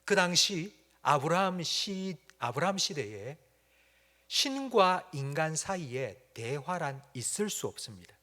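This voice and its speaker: Male preacher in a church; bright, fairly high voice that pauses dramatically and rises to forceful peaks. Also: expressive. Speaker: pastor. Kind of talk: sermon. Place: church sanctuary.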